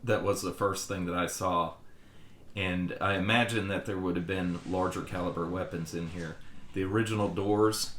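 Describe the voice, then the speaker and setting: A man's voice: low-pitched, steady tone, normal speed, a bit bright. A man narrating an exploration vlog in an earnest, reflective manner. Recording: echoey, reverberant room with audible background noise.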